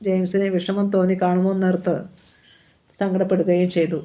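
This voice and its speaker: A woman's voice: on the low side, completely flat delivery, fairly quick, mellow, close to an everyday voice. A woman reading the lines of a lonely young wife who talks in a hesitant, pleading way.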